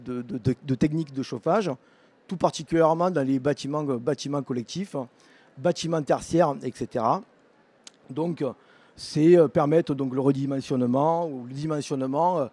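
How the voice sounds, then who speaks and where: A man's voice: a little high, mellow, no echo. Hesitant southern French man presenting. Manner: hesitant, heavy use of filler words and restarts. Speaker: vocational program presenter. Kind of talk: conference talk at an education fair.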